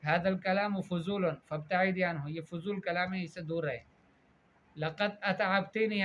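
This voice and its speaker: Male language teacher, high voice, patient correcting manner, lo-fi recording with faint hiss. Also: fairly bright tone. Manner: reads Arabic phrases slowly, then translates and corrects them. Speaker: Arabic teacher. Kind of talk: lesson explaining Arabic pronunciation in Urdu. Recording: dull lo-fi audio with faint background noise.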